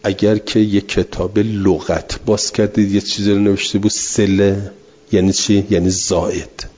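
A man lecturing a class in a low, mellow, slightly husky voice. He reads out a passage and then walks his students through it patiently, repeating the main point. The recording sounds dull and lo-fi. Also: flat delivery. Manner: reads text aloud, then explains it patiently with repetition; answers students' questions directly. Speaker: teacher.

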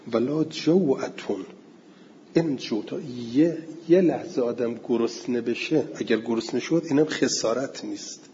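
A man teaching a class, explaining word meanings step by step, asking and answering his own questions and slowing down to recite verse. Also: mid-range voice, darkish tone, big-room sound, highs cut off, a little hiss or hum. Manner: slows down to recite Arabic verse and terms.

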